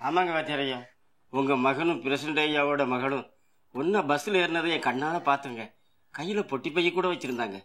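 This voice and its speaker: A man plays a deferential village servant in a television serial, eager and respectful toward his masters. His voice sits slightly high. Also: fairly quick, a bit bright, close to an everyday voice. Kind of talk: 1990s television serial acting.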